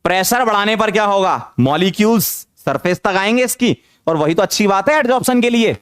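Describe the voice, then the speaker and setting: A man teaching chemistry in an online lecture, energetic, firing questions at students and repeating phrases to drive points home. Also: sits high, fairly quick, smooth, no room sound, studio quality. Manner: mixes English terms into speech.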